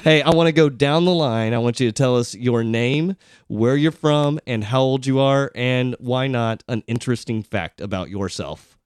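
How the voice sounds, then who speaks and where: A man's voice: medium pitch, clean tone, no room sound. A man hosting a podcast in a home studio, joking and teasing his guests in a casual chat. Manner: playful, teasing, quick to joke. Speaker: podcast host. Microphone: studio microphone.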